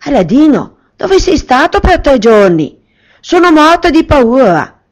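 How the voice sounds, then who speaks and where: A woman voicing a worried, poor mother in a fairy tale, speaking high and plaintive. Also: very animated, measured pace. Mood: distraught.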